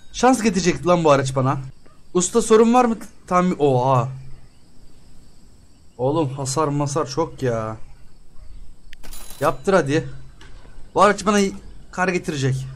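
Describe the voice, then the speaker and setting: A man's voice: high-pitched, expressive, unhurried, long pauses. A man hosting a game let's-play, chatting with the characters on screen as he haggles over prices and often bursts out in exasperation. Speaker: gaming channel host.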